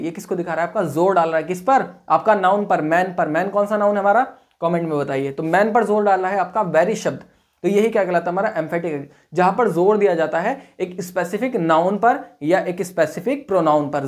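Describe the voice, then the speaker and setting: A woman's voice: medium pitch, darkish tone. Woman teaching, quizzing herself as she goes. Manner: asks questions and answers them herself, reads examples out slowly. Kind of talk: classroom lecture.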